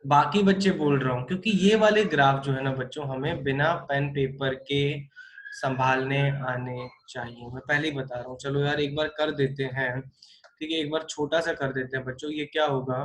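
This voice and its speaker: Calling his students kids, an animated man coaxes and jokes with them as he solves problems in a live online math lecture. His voice is medium-pitched and his pace moderate.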